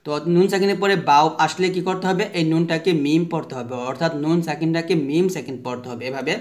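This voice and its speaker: A man teaching the rules of Quran recitation. He asks the class a question, answers it himself, and chants the letter sounds slowly for listeners to repeat. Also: a little high, fairly even intonation. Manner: has listeners repeat after him. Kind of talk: tajweed lesson.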